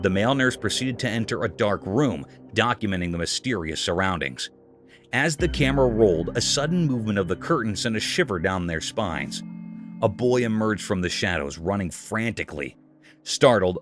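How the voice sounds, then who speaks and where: A man's voice: on the low side, fairly bright tone. A man giving a scripted narration in a chatty, folksy storytelling tone. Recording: clear music bed behind. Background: music.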